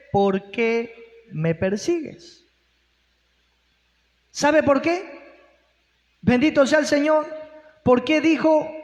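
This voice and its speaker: High-voiced, slow-preaching male pastor. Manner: asks rhetorical questions and breaks in with praise exclamations. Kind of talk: sermon. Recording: long hall reverb.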